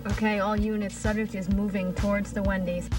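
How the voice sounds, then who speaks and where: A woman's voice: mid-range voice, flat delivery, brisk. A woman surveillance agent giving clipped radio call-outs over a walkie-talkie. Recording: distant radio voice under loud music.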